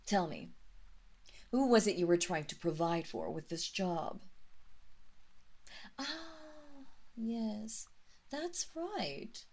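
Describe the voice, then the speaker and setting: A woman voices a cruel, seductive vampire mistress in an intimate audio roleplay, teasing and menacing the listener in a breathy, taunting way that drifts into whispers. Her voice is medium in pitch with a darkish tone.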